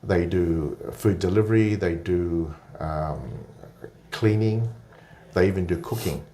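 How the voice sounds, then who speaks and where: Deep-voiced male podcast guest. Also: takes it slowly, slight background noise. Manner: steady explaining with frequent filler sounds. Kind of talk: casual conversational interview.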